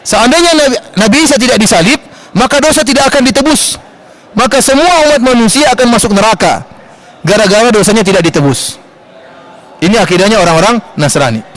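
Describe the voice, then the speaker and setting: A man from Indonesia giving a religious study lecture in a large mosque, quoting scripture in a raised, animated voice. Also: sits high, brisk, low-quality recording. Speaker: Islamic preacher.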